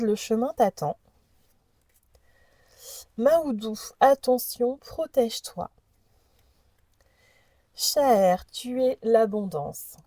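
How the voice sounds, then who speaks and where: A woman's voice: a little high, warm tone, no echo. A woman host presenting an oracle deck in a casual chat, reading the card messages aloud and hesitating over unfamiliar names.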